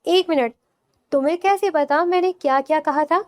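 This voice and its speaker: A woman's voice: high-pitched, a little mellow, close to an everyday voice. A woman voicing a fiery, flustered young bride. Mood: indignant.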